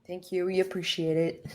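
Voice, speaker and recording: A Brazilian woman, a native Portuguese speaker with a Brazilian accent, hosts a casual live stream, laughing often and swearing lightly. Her voice sits on the low side with a darkish tone.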